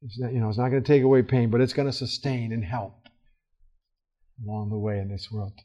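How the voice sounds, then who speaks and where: A man teaching a Bible study in a casual, earnest way, with fillers and restarts, swinging from loud emphasis to soft, quiet asides. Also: mid-range voice, fairly even intonation, fairly quick, highs cut off. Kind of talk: conversational Bible study talk.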